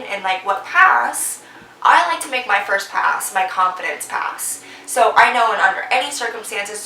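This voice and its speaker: A woman's voice: medium pitch, sharp tone, distant mic, a little hiss or hum. A young woman vlogger giving casual, encouraging competition advice, chatty with lots of fillers. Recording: echoey room, voice a bit off-mic.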